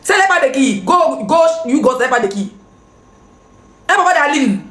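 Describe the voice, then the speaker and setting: A woman's voice: sits high, very animated, fairly bright tone, reverberant. A woman blogger, hosting a live stream and commenting in a mocking, laughing way. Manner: mocking, laughing, rapid back-and-forth with viewers.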